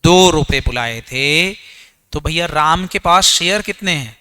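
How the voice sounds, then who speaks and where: A man's voice: unhurried, sharp tone, smooth. A man teaching an accounts revision class, firing questions at students and answering them himself. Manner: quizzes students, answers his own questions in a low voice; mixes English terms into Hindi. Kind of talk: exam revision lecture.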